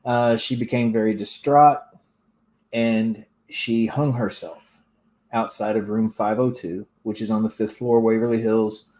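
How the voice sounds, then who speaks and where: Mellow older man telling stories. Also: lowish voice, steady tone, a little slow. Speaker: radio show guest, former tour guide. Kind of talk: unscripted storytelling.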